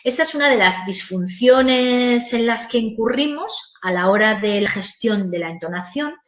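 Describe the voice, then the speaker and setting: A woman giving a webinar lecture on voice use for teachers, in a lively, demonstrative way. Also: a little high, moderate pace, slight background noise. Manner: lively, demonstrative, varies intonation. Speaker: voice and communication trainer. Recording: roomy echo.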